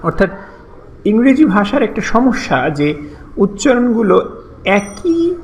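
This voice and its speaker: A man's voice: sits high, sing-song, takes it slowly, a little hiss or hum. A man teaching a lesson, explaining step by step and patiently repeating syllables for practice.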